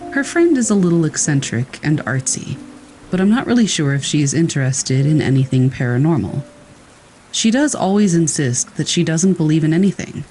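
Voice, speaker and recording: A man reading true scary stories aloud in a calm, measured storytelling manner. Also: fairly high pitch, low-quality recording. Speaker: horror story narrator.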